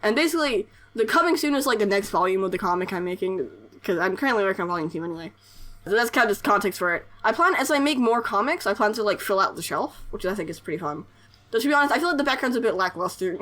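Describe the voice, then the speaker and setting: A young woman with a medium-pitched, slightly bright voice records a casual voice-over while editing footage. She's an artist and animator YouTuber, and she sounds hesitant, full of fillers and self-conscious little laughs.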